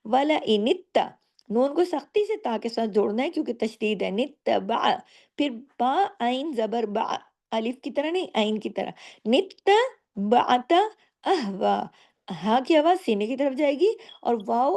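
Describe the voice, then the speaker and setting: A woman's voice: a little high, expressive, measured pace, darkish tone. A woman teaching Quran recitation rules in a patient, step-by-step lesson, often answering her own questions. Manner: patient, explains each rule and asks rhetorical questions. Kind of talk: slow step-by-step tajweed lesson.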